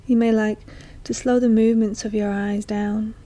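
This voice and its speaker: A guided meditation teacher speaks softly and breathily, often close to a whisper, in a level, mid-range voice. She narrates slowly and gently, leaving long, soothing pauses.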